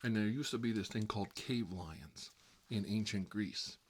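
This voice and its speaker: At a moderate pace and a pitch on the low side, a man performs a chatty ASMR scene as a petulant, fussy adult babysitting against his will, rambling with petty gossip. Noise and clicks are clearly audible in the recording.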